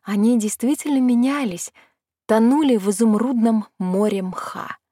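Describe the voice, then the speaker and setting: A woman reading a first-person fantasy story aloud in a measured storytelling manner. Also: a little high, warm tone, breathy edge, no echo, clean studio sound. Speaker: audiobook narrator.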